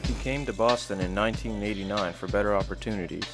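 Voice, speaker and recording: Low-voiced male narrator over music. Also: fast talker. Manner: even, read-aloud delivery. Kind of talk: scripted narration. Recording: music playing behind.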